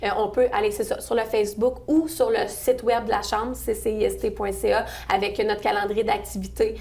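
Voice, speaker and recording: A woman's voice: mid-range voice, little pitch movement, brisk, creaky, a little mellow. A young woman in her twenties with a Québécois French accent, chatting as a guest in a local interview, friendly, with many fillers and restarts. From Quebec, Sorel-Tracy region. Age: 20s. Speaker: chamber of commerce events staff, guest.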